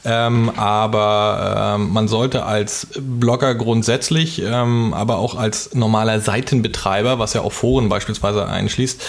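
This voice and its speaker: A man's voice: fairly low pitch, fairly even intonation, unhurried, few pauses. Hesitant man musing on a podcast. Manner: hesitant, many "ähm" fillers and restarts. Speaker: podcast co-host. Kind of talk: casual podcast discussion.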